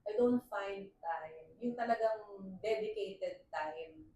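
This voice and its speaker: A woman's voice: mid-range voice, takes it slowly. A woman, co-hosting a podcast in casual chat and laughing often as she mixes English into her talk. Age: 30s. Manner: animated, laughing, switches between Tagalog and English. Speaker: podcast co-host. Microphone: failing microphone, speaking loudly. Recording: echoey room, distant mic, faint hiss.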